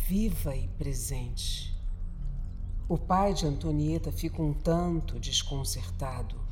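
With faint music behind him, a narrator at medium pitch delivers scripted dramatic narration for a horror radio drama, telling the story in a measured, deliberate way.

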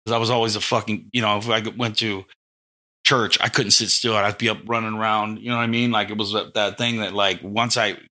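Middle-aged male storyteller, lowish but very sharp, forceful voice, rambling, profane, slangy. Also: flat delivery, fairly quick. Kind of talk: casual storytelling chat.

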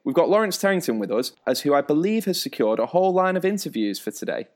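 A man's voice: a little high, sing-song, fast. A man hosting a spoof football show, with a dry, teasing presenter delivery. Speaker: host.

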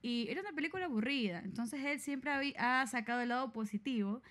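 A young woman co-hosting a casual chat, telling her own stories in a chatty, animated way. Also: high-pitched, fast. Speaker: co-host.

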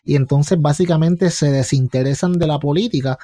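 A Puerto Rican man interviewing in an easy, chatty way, telling anecdotes and dropping English words in. His voice is warm and mellow, recorded close and dry. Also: on the high side, normal speed, no echo. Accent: Puerto Rican Spanish. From Puerto Rico. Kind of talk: casual conversation.

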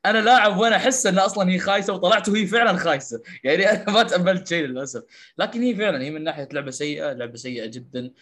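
Man, gaming podcast co-host, quick and animated, slightly high voice. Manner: animated, laughs while ranting. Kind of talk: casual gaming podcast chat.

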